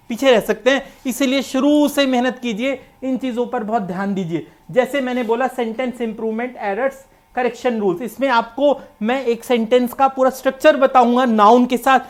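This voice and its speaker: A woman with an Indian accent giving an exam-prep English grammar lecture, explaining step by step and mixing English terms into Hindi. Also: on the high side. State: coughing, needs water. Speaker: English teacher.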